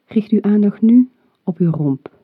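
Breathy, very slow relaxation guide, phone-like sound. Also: mid-range voice. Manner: calm, soothing, measured instruction. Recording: muffled phone-like audio, roomy echo.

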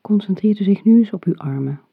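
A relaxation guide leading a meditation in a calm, soothing, soft and breathy voice, giving measured instructions. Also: medium pitch. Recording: muffled phone-like audio, roomy echo.

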